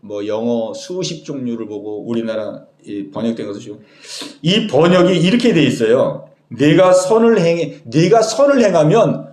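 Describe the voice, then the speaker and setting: Man, pastor, emphatic sermon, animated delivery, roomy church sound. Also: mid-range voice, normal speed, few pauses. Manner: emphatic, lively, asks the congregation questions. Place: church sanctuary. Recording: echoey church hall.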